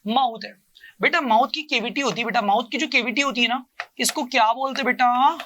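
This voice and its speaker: Male coaching teacher, bright tense voice, dry close mic. Call-and-response drilling that keeps addressing the student warmly. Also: a little fast, no echo. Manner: asks a question, then answers it himself in a lower voice; keeps calling the listener "beta" and repeats each term.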